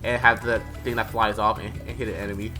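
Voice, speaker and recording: A man's voice: lowish voice, little pitch movement, fast. Young guy rambling through a playthrough, chatty, keeps correcting himself, game music under him. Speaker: gaming streamer. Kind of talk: casual let's-play commentary.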